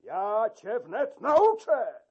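A man's voice: very high voice, huge pitch swings, very slow, breathy edge, lo-fi sound, voice pushed up, heavily acted. A man playing a fiery old key-keeper. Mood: furious. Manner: shouting indignantly. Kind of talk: dramatic verse reading.

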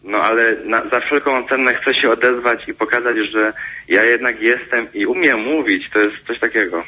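A man appearing as a guest expert in a radio interview, explaining in a measured way. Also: mid-range voice, pushed and bright, breathy edge. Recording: dull radio broadcast sound.

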